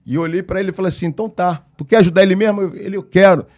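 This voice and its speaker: Man, pastor, Rio de Janeiro accent, high voice, animated storytelling, acts out dialogue. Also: racing. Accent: Rio de Janeiro Portuguese. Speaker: pastor, podcast guest. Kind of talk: storytelling in a podcast interview.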